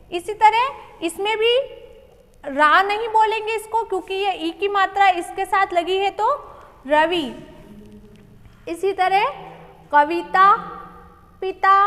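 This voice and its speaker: A woman's voice: extremely high pitch, fairly bright tone, in a large hall. A woman teacher giving a patient online lesson to young children, asking questions and answering them herself.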